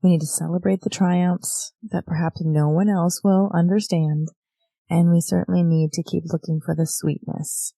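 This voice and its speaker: Woman podcast host, low mellow voice, dry close sound, earnest and reflective. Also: gravelly, no room sound. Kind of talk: heartfelt personal monologue.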